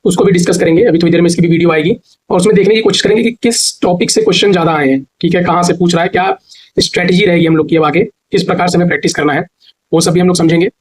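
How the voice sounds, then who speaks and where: A man teaching an exam-prep grammar lesson, explaining step by step and repeating words slowly to spell them out. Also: high-pitched, fairly even intonation, poor audio.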